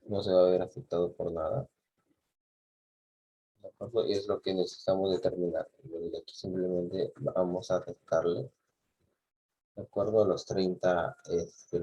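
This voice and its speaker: Low, husky male math teacher. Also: mellow, low-quality recording. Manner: patient, asks "¿sí?" and "¿de acuerdo?" often, restarts phrases. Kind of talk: explaining a clock-angle problem to students.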